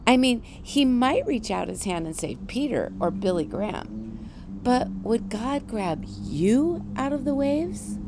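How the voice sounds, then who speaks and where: A woman giving a devotional Bible teaching, animated, asking rhetorical questions and laughing lightly as she reads the story. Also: fairly high pitch, creaky, slight background noise.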